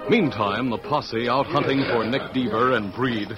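A man's voice: medium pitch, fairly even intonation, normal speed. A man narrating an old-time radio drama as a scripted storyteller. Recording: dull old radio recording. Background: prominent music.

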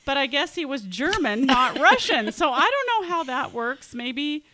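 Giggly, bright-voiced woman podcast host. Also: high-pitched, big pitch swings, normal speed, dry recording. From Pacific Northwest of the US. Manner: giggly, chatty, laughs often. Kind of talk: casual chat.

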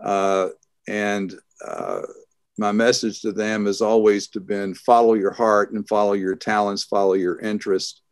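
An older man, answering interview questions as an author in a thoughtful, halting way with many restarts. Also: on the low side, gravelly, no room sound, studio quality. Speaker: author and guest.

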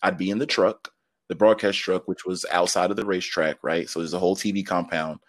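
Deep-voiced, chatty man in his thirties. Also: steady tone, dry recording, clean studio sound. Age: 30s. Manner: quick, laughing, heavy on filler words. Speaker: podcast guest. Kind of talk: casual interview storytelling.

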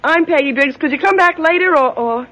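An actress in an old radio show broadcast, playing a scheming, murderous young wife with a breathy, coaxing voice. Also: female voice, high-pitched, a little fast, a bit bright. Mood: flustered. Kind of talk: 1940s radio acting. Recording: muffled old radio recording with hiss.

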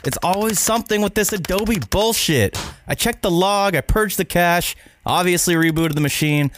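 A man's voice: fairly low pitch, normal speed, a little hiss or hum, voice pushed down. A man playing a panicky frazzled editor. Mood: frustrated. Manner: yelping, excitable outbursts. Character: frazzled young male video editor, panicky.

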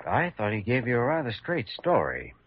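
An actor with an American accent playing a calm, protective young hospital doctor, measured and earnest, in an old-time radio drama. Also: male voice, mid-range voice, breathy edge. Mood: reassuring, firm. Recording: muffled vintage radio recording.

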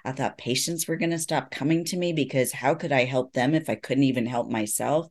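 Here a psychologist guest in middle age speaks in a mid-range voice, calmly and earnestly reassuring as he explains things in a conversational interview.

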